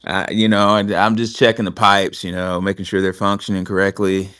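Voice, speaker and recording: A man from Alabama, hosting a casual talk show in a blunt, animated manner. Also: deep voice, fairly quick, smooth. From Alabama, USA. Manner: animated and blunt, with frequent restarts and swearing. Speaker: host.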